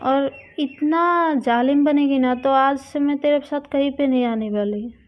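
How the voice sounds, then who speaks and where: A woman's voice: high voice, unhurried. A woman voicing a sassy, dramatic young college woman who complains in mock outrage. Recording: dull lo-fi recording.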